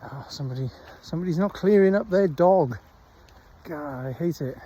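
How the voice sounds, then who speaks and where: On a countryside dog walk, a Welsh-accented middle-aged man vlogs into the phone in his hand. He speaks on the high side with a dark tone, chatting casually in a rambling, unhurried manner full of pauses.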